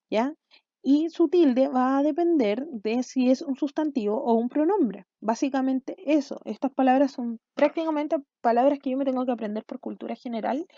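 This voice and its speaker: A woman's voice: fairly high pitch, mellow, dry recording, lo-fi sound. Woman teacher explaining grammar. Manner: explanatory, checks in with "¿ya?" and "¿cierto?". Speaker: school language teacher. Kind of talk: recorded video lesson.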